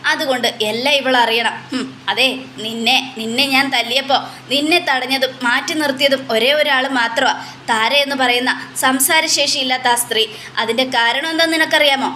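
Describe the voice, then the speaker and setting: Storybook mother figure, furious and scolding, read by a woman; high-pitched, echoey room. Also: pushed and bright, a little hiss or hum. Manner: fierce, scolding. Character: angry young mother defending her baby.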